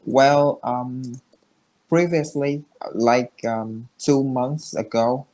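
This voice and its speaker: A young man from Vietnam speaking English with a Vietnamese accent, halting with many fillers and restarts as he vlogs his study progress. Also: mid-range voice, fairly even intonation, a little mellow. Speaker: English learner vlogging daily progress. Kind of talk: casual self-recorded vlog and video call lesson.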